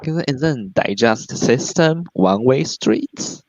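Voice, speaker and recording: Man doing stand-up, lively pitch. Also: takes it slowly, no room sound, lo-fi sound. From Taiwan. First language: Mandarin Chinese. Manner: laughs at his own jokes, voice jumps high for punchlines. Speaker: stand-up comedian. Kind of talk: stand-up comedy set.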